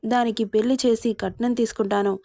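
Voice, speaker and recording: A woman's voice: fairly high pitch, steady tone, fairly quick, no room sound. A woman reading as a greedy, threatening stepmother. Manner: sharp and threatening.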